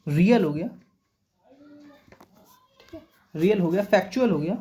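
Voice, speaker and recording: Measured and expressive, this man speaks in a warm voice that sits high. He teaches English vocabulary and grammar for competitive exams, patiently explaining words, spelling some letter by letter, and continually asking "okay".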